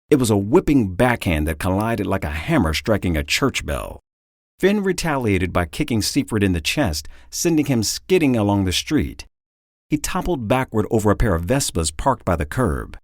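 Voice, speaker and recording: Male audiobook narrator, lowish voice, super swingy dramatic delivery, dry close mic. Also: sing-song, normal speed, no room sound.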